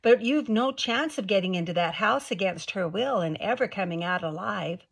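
A woman's voice: medium pitch, animated, moderate pace, vocal fry, slightly rough. Woman doing Missus Beaver, a motherly beaver. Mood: kindly. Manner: kindly and motherly. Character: motherly female talking beaver.

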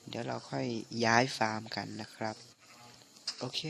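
A man doing casual gameplay commentary in a halting, muttering way, his voice phlegmy from recovering from flu. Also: medium pitch, little pitch movement, creaky, bright, forceful tone, slight background noise. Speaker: gaming channel host.

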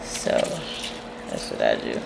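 A young woman chatting casually as she walks viewers through a recipe in her home kitchen. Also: slow. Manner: chatty, explains each step to viewers. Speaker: cooking vlogger. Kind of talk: casual cooking demo. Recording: loud kitchen noise behind.

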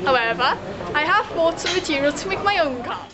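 High-voiced young Welsh Valleys woman presenter. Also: lively intonation, fairly quick, crowd noise. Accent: South Wales Valleys. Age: young adult. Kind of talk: presenting an amateur explainer video. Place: small computer room, living room and shopping streets. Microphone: camcorder microphone a few feet away. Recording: roomy echo with clear background noise.

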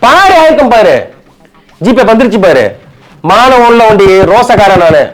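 A man's voice: extremely high pitch, sing-song, normal speed, low-quality recording. A man with a Chennai Tamil accent in a bickering comedy skit, talking colloquially and argumentatively and often repeating himself.

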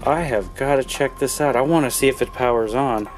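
A man's voice: mid-range voice, brisk. Guy vlogging w handheld cam in a messy empty house, curious and chatty, faint music under it. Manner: curious, upbeat, thinking aloud with fillers. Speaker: vlogger exploring and inspecting an old computer. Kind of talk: casual handheld vlog narration. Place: cluttered indoor rooms of an empty house. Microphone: handheld camera mic.

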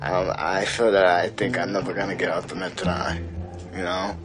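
A man in his forties talking to a close camera in a small apartment, halting with many restarts and fillers. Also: sits low, level tone, loud music behind the voice. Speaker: interviewee. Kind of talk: casual talk to camera.

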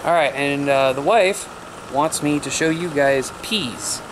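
Holding the camera at arm's length, a laid-back American man in his thirties hosts his vlog informally, speaking in a fairly high, unhurried voice. Filming begins outside by a mobile home and shifts to a small room indoors, with clear outdoor noise on the handheld recording.

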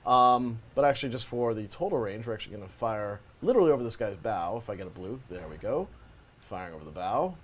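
A man's voice: on the low side, expressive, fast. A man giving live stream commentary while demonstrating a game, chatty and joking as he narrates his own moves. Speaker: game demo presenter.

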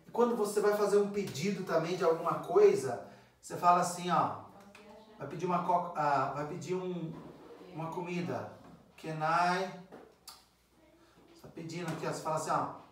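A man with a Brazilian Portuguese accent gives a video English lesson in Portuguese, his fairly high voice at normal speed with frequent pauses. He drills phrases repeatedly and tells viewers to repeat after him. The room is very echoey and he is far from the mic.

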